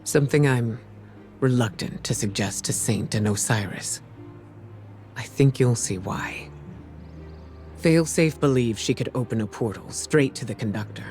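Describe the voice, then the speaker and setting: An actor playing a grave male mentor figure who speaks in a measured, solemn way. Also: mid-range voice, darkish tone, soft background music, lightly acted.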